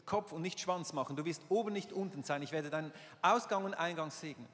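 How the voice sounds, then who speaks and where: Man, sermon interpreter, high-pitched, hesitant, fillers, echoing hall. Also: fairly quick, a bit bright. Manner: hesitant, with fillers and self-corrections. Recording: live sermon in a reverberant hall.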